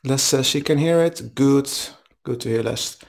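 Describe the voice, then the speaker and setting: A man leading a guided meditation as a teacher, speaking in a calm, soothing manner with long pauses. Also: mid-range voice, vocal fry. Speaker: meditation teacher leading a live online session.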